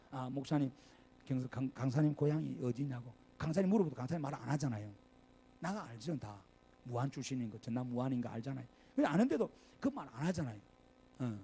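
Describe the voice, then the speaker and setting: An older man preaches in a Gyeongsang accent, his voice gravelly and dark. He swings his pitch widely, tossing out chatty asides and rhetorical questions to the congregation. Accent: Gyeongsang Korean. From Gyeongsang region, Korea. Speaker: pastor. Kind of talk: sermon. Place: church sanctuary.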